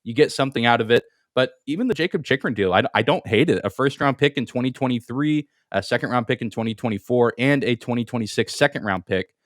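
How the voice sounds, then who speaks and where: A man's voice: mid-range voice, animated, fast talker, hardly any pauses, no room sound, clean studio sound. A man co-hosting a sports podcast in casual chat, often repeating his first words as he thinks aloud. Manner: repeats words at the start of phrases, hedging. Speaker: podcast co-host.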